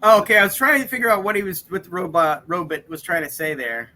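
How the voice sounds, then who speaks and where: A man's voice: sits high, animated, fast talker, bright, forceful tone, slight background noise. A man co-hosting a casual comedy news chat, riffing and rambling. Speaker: comedian co-host.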